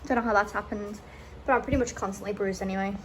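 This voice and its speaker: A woman's voice: medium pitch, steady tone, fast talker, heavy background noise. A young woman recapping a trip in a casual vlog, chatty and full of filler "like"s. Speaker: travel vlogger.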